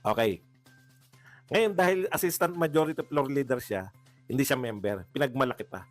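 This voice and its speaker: A man's voice: mid-range voice, animated, moderate pace, faint music behind. A man with a Filipino accent giving casual political reaction commentary, chatty, laughing often and mocking with put-on quotes.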